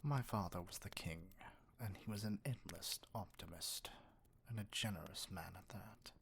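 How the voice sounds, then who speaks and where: A man playing an arrogant, dominant evil sorcerer king in an ASMR roleplay, speaking in a measured, condescending, breathy near-whisper. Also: low voice, fairly bright tone, slight background noise. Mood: brooding, reflective.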